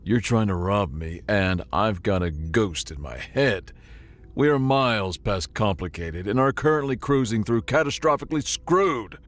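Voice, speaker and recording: A man's voice: sing-song, unhurried, slightly rough, heavily acted. A man voicing a panicky, sarcastic young male junker in a sci-fi audiobook. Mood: panicked. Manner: panicky, sarcastic, squeaky when scared.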